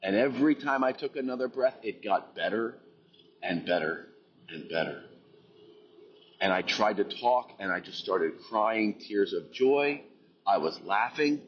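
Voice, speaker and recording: A man's voice: lowish voice, expressive, unhurried, muffled recording, a little hiss or hum. A man earnestly recounting a personal experience, intense and reflective, repeating phrases for emphasis.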